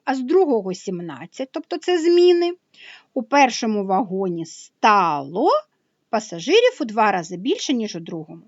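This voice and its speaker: A woman's voice: a little high, no echo, dull audio. A woman math teacher explaining a lesson patiently, step by step.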